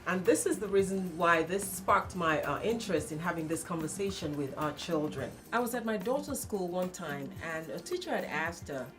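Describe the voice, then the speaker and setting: A woman's voice: fairly low pitch, expressive, moderate pace, hardly any pauses, over music. A woman hosting a studio talk show, welcoming guests and steadily asking them questions.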